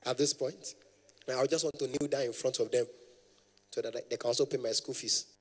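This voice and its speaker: A man's voice: mid-range voice, fairly even intonation, normal speed, slightly rough, big-room sound. A young adult man with a Nigerian accent, doing stand-up comedy as an event MC, playful and formal with the audience.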